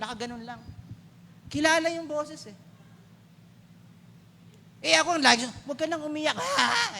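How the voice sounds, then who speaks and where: A man with a Filipino accent preaching a lively Mother's Day sermon to his congregation in a church hall, switching between Filipino and English and calling for applause and amens. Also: sits high, a little hiss or hum. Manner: lively, mixes English into Filipino, asks the congregation to clap and say amen. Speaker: pastor.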